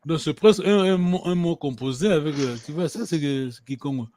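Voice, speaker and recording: A man's voice: a little high, a little fast, a little mellow, a little hiss or hum. A man teaching a language class, hesitant, restarting his sentences and often checking that students follow. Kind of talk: online language lesson.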